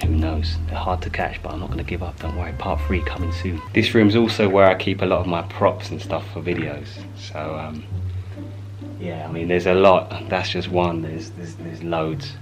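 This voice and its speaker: A man's voice: low-pitched, fairly even intonation, normal speed, over music. A man giving a casual, chatty tour of his house, moving from room to room and joking as he goes. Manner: chatty, laid-back, jokey asides.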